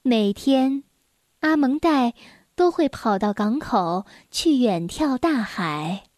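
Brief: woman narrating children's bedtime stories, high and gentle, dry close-mic sound. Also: lively intonation, dry recording. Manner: gentle, unhurried storyteller voice. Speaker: children's story reader.

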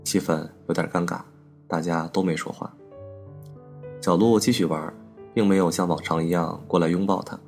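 A man narrating a personal story as a podcast host, in a calm, measured and wistful manner. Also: low voice, creaky, faint music behind.

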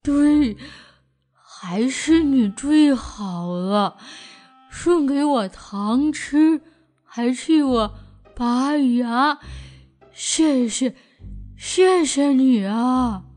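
A woman's voice: sits high, very animated, extremely slow, pauses often, faint music behind, heavily acted. A woman voicing a big boastful male tiger with a toothache, whining and groaning, in a children's storybook reading. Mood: meek thankful.

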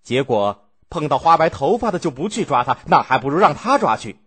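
A blunt, impatient noble adviser, voiced by a male storyteller, pressing his lord with urgent, husky speech. His voice rises and falls sharply as he argues. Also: on the high side, very animated, a little fast, a bit bright, voice pushed up, heavily acted.

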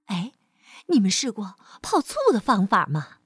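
A woman voicing a bossy, meddling neighbor auntie in a storybook, lecturing briskly. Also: medium pitch, big pitch swings, husky, no echo, clean studio sound, voice pushed down. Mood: advising.

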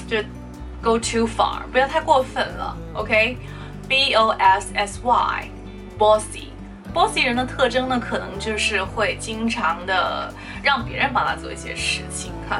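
A woman teaching spoken English, explaining words and repeating them slowly for practice. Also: on the high side, far from the mic.

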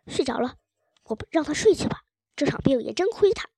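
A woman's voice: high-pitched, big pitch swings, brisk, mellow, no echo. A woman voicing a dazed young woman who talks earnestly to someone who is not there. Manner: earnest, murmuring. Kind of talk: storybook reading.

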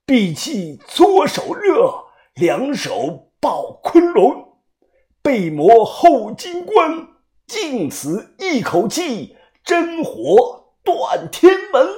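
A woman's voice: sits high, very animated, darkish tone, pitched above the performer's own voice, heavily acted. A woman putting on a cackling crazed old kung fu master. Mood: chanting. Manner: cackling, sing-song, drawn-out chanting. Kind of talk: storytelling audiobook.

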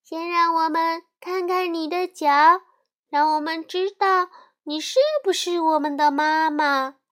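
Little goat kids, done by a lady, high squeaky kid voices, slow and insistent, bedtime story. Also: a bit bright. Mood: defiant. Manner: high, insistent childlike chorus.

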